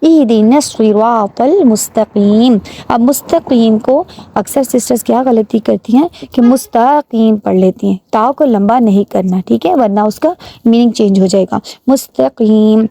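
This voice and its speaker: Patient Pakistani woman teaching slow recitation. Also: on the high side, vocal fry, mellow. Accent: Pakistani Urdu. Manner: patient, slow drawn-out recitation, points out common mistakes. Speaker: religious teacher. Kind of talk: teaching recitation with word-by-word Urdu translation.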